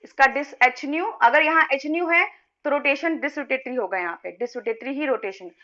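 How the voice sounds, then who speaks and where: A high, bright-voiced woman teaching chemistry. She explains step by step, counts electrons aloud and answers students as she goes. The audio is dull and lo-fi. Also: brisk. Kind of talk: live online class. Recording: dull lo-fi online lesson audio.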